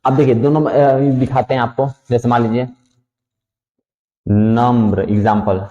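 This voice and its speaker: A man's voice: medium pitch, steady tone, moderate pace, mellow. Patient man teaching a Hindi lesson. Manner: patient, repeats and checks understanding. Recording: echoey room, dull lo-fi sound.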